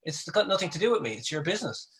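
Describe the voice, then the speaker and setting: Male comedian, animated storyteller, bright tone, mimics others, casual livestream chat. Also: on the high side, very fast.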